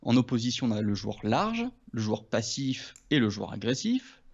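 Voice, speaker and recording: A man's voice: medium pitch, very animated, normal speed, a little mellow, dull audio. A man explaining poker terms in a casual lesson, hesitant and full of restarts. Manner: hesitant, many restarts and fillers. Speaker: poker coach.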